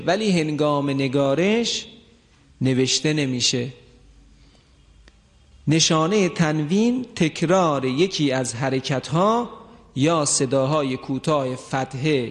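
A man's voice: fairly high pitch, long reverb tail. A man teaching an introductory class on Quran recitation rules, explaining step by step and asking questions he then answers himself.

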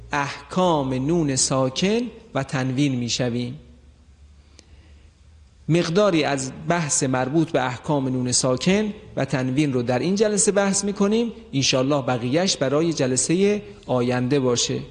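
Man, recitation teacher, slightly high voice, patient step-by-step lecture, long hall reverb. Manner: explains slowly, asks questions and answers them himself. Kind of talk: classroom lecture on recitation rules.

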